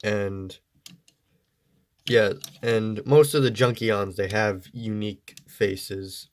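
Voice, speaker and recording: A man's voice: on the low side, fairly even intonation, slow. A man with a stuffy, congested voice giving a casual, meandering toy review. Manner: easygoing, meandering explanations.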